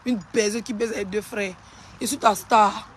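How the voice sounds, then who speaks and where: An Ivorian social media personality ranting and hurling insults in a live-stream clash, in a taunting, rapid-fire manner. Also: medium pitch, steady tone, a bit bright, a little hiss or hum.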